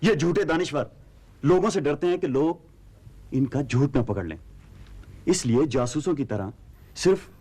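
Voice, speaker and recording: An actor playing a proud, bitter struggling writer who declaims poetry slowly and scoffs at critics, with a Pakistani Urdu accent. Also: male voice, on the high side, lively intonation, a little mellow, roomy sound, natural voice. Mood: scornful.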